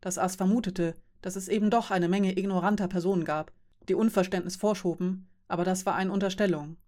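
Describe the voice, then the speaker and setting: Woman reading a story aloud, calm steady delivery, mid pitch. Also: a little fast. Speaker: narrator. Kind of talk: audiobook reading.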